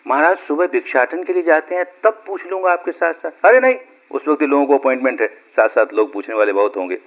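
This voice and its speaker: A proud old teacher waves off anyone who wants his time. A man puts him on lightly while telling a story. His voice sits fairly high, and the recording is muffled and lo-fi. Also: fast talker, lightly acted. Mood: brushing off. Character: busy proud old male meditation teacher. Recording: dull lo-fi recording.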